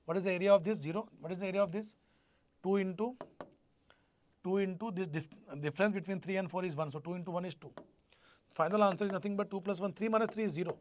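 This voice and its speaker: High-pitched North Indian man teaching live. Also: fairly even intonation, fast talker, a little mellow. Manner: repetitive, question-prompting, addresses students directly. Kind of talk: live online exam-prep lecture.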